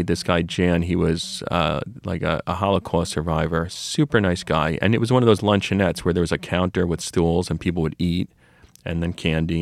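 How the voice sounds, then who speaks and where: A man's voice: sits low, creaky, no echo, clean studio sound. A middle-aged man who runs a comic shop, telling long rambling stories on a podcast with many restarts and asides. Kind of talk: casual storytelling conversation.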